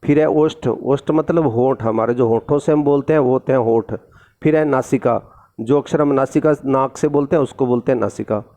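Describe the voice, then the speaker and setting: A man with a mellow, soft-edged voice and a Rajasthani Hindi accent teaches a recorded grammar lesson. He reads a textbook sentence aloud, then restates it simply for his pupils in a patient classroom way. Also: medium pitch, brisk. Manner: reads a textbook line, then explains it in plain everyday words.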